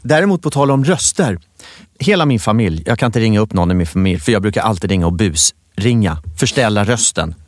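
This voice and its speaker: A man's voice: lowish voice, animated, no echo, clean studio sound. A man co-hosting a podcast, playful and teasing in casual chat. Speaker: podcast co-host.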